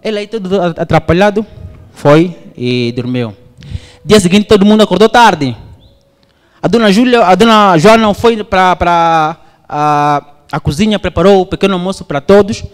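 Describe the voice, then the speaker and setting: A man's voice: normal speed, smooth. Man preaching in a reverberant hall. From Angola. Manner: animated storytelling, voice swings high and low. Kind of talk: sermon with storytelling.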